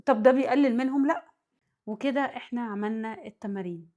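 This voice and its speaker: A woman's voice: fairly high pitch, fast, a little mellow, muffled recording. A woman with an Egyptian accent giving a spoken psychology lesson. She walks through worked examples and often stops to check that her listeners follow. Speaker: psychology teacher.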